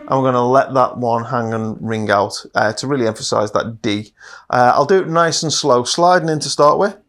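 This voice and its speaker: A man's voice: medium pitch, moderate pace, fairly bright tone. A man giving a casual, step-by-step guitar lesson, explaining patiently and counting off each part with an easygoing "okay". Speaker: guitar teacher. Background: guitar playing.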